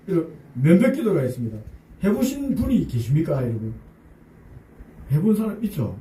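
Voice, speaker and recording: A man preaching as pastor, talking in a lively, conversational way, with rhetorical questions and humorous asides for the congregation. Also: a little high, moderate pace, slight background noise. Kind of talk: sermon. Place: church sanctuary. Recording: echoey church room, voice picked up from a distance.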